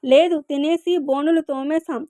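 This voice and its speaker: A woman's voice: high-pitched, fairly even intonation, moderate pace, warm tone, no room sound, clean studio sound, lightly acted. Woman doing a rude mocking male servant. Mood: scornful. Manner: scornful, sarcastic retorts.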